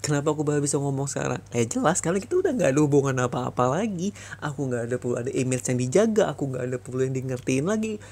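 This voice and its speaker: A man's voice: medium pitch, animated, racing, a little mellow. A young man voicing a bitter boyfriend in an ASMR boyfriend role-play, scolding his toxic ex over and over in a heated voice. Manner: heated, reproachful, repetitive scolding.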